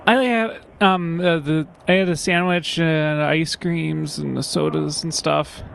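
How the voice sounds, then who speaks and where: A man's voice: fairly high pitch, fairly even intonation, unhurried, creaky, a bit bright, a little hiss or hum. A man making a prank phone call, speaking in a hesitant, stammering, rambling way. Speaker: prank caller.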